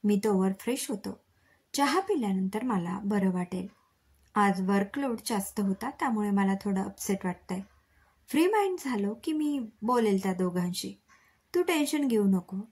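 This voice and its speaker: Woman reading as tired strict dad, middle-aged, breathy voice, storybook part. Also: mid-range voice, expressive, normal speed, a little mellow. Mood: weary. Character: stern middle-aged father, tired from work.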